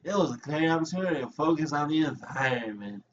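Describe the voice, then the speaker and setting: A high, swooping, chatty cartoon animal villager, put on by a man. The game character recounts small everyday events, sounding a bit far from a dull mic. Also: lively intonation, fast, lightly acted. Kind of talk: game text read aloud in character. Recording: distant, dull mic with faint noise.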